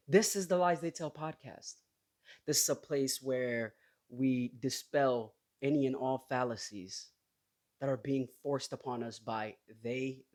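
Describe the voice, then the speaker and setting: A man in his thirties from Somalia, hosting his own podcast and talking in a halting, personal way full of restarts. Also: medium pitch, darkish tone. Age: 30s. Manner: hesitant, halting, with many restarts and fillers. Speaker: podcast host. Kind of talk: casual solo podcast talk.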